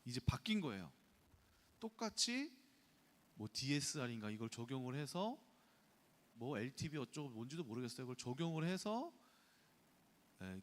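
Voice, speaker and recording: A male pastor preaching a sermon, telling a personal story with lively, acted-out quotes of his own thoughts. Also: mid-range voice. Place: church sanctuary. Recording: long church reverb.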